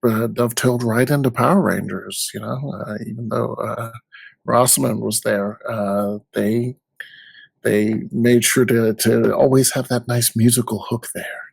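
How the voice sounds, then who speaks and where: A man in casual podcast chat, explaining in a relaxed way. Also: medium pitch, a little slow, creaky, husky, no echo. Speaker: podcast guest.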